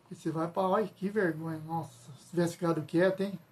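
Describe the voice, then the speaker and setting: A man's voice: fairly even intonation, fast talker, close to an everyday voice. A man putting on the scornful, mocking voice of a tempting demon that whispers shame at him. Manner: mocking, needling, higher-pitched. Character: taunting male demon voice, scornful.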